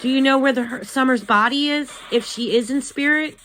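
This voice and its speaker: A woman hosting a spirit box session, talking casually in a gentle, chatty, coaxing way as she asks questions. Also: high voice, brisk, a little hiss or hum.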